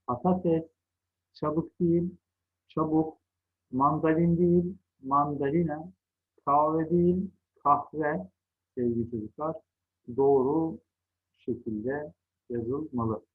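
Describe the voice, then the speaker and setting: Man, middle-aged, primary teacher, patient spelling lesson, husky, thin phone-like sound. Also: a little high. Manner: patient, contrasting wrong and right word forms. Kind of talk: online lesson to second graders.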